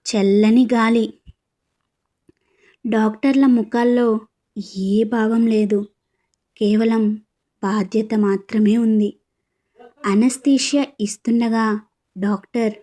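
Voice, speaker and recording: A woman narrating an audio story with a slow, measured reading. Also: fairly high pitch, dark tone.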